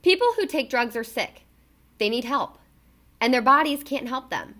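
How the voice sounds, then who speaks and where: Reading a children's book aloud at normal speed, a woman with a fairly high voice lets her intonation swing widely. She stresses words expressively and emphatically, shaping the narration for young listeners.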